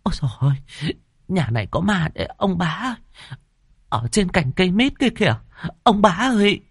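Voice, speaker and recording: A man's voice: big pitch swings, moderate pace, husky, dry recording, clean studio sound, full character voice. A man voicing a frightened, flirtatious wealthy lady who wails shrilly in a horror storybook reading. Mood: panicked. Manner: shrill panicked wailing.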